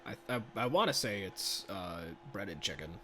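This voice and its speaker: A man doing casual, excitable play-by-play commentary of a video game from home. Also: lowish voice, moderate pace, slight background noise. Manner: chatty, excitable, laughs often. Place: home room.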